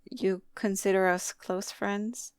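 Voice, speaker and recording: A woman reading a story game aloud for a let's play. She takes her time, reflective with wry little asides, in a mid-pitched voice recorded close and dry. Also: fairly even intonation, slow pace, a little mellow, smooth, no room sound.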